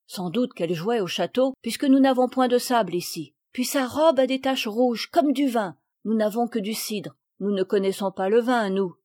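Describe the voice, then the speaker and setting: A woman's voice: normal speed, few pauses, no echo, studio quality, natural voice. A woman voicing a blunt, scolding old peasant woman who works as a gardener, with rustic country speech. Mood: chatty. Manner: loud, scolding, high-pitched.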